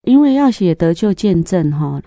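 A middle-aged woman, sharing a church testimony in an interview, telling stories lively and acting out the dialogue. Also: on the low side, normal speed, no room sound, studio quality. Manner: lively storyteller, acts out dialogue, laughs often.

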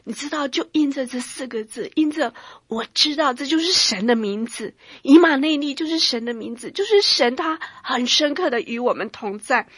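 A middle-aged woman tells her faith testimony in an interview. Her voice sits a little high and sounds husky and breathy. It is close and dry, with no room sound around it. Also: expressive, normal speed, dry recording. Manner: earnest, shifting between hushed whispers and raised emotional bursts.

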